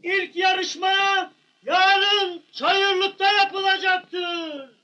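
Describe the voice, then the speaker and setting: An actor playing a village town crier, shouting a public proclamation in loud, drawn-out calls. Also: male voice, very high-pitched, steady tone, muffled recording, heavily acted. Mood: proclaiming, emphatic. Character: village town crier bellowing official announcements. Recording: noisy, hissy old film soundtrack.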